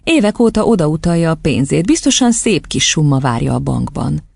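A woman voicing a kind young teacher who speaks softly and soothingly. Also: sits low, creaky, husky, no echo, clean studio sound, heavily acted. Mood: gentle. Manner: soft, soothing, calm.

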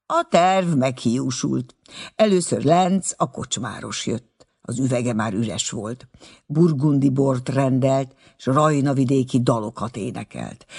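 A man narrating a story in an expressive reading voice. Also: mid-range voice, vocal fry, slightly rough. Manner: expressive, wide-ranging reading. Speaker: audiobook narrator. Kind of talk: read-aloud storytelling.

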